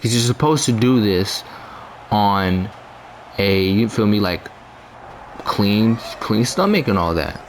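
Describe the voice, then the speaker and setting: A man's voice: lowish voice, lively intonation, slow, pauses often, a little hiss or hum. A young man telling a story casually into his own mic, rambling with lots of fillers, slang and profanity. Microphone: own desk mic.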